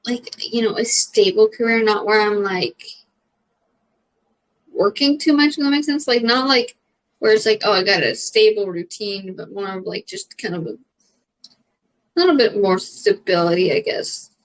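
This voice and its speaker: A woman's voice: medium pitch, moderate pace, long pauses, low-quality recording. A young adult woman, a comedian, chatting casually as she answers questions, rambling with lots of fillers and casual swearing. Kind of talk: casual chat.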